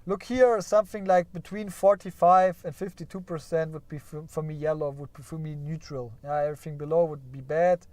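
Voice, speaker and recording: A man's voice: fairly high pitch, fairly even intonation, fairly quick, few pauses, a little mellow, dry recording. A man giving casual live commentary on company earnings while sharing his screen, thinking aloud and joking along the way. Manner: thinking aloud, chatty, hedging with frequent "yeah?"; playful, jokes about crying over results. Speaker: stock market streamer.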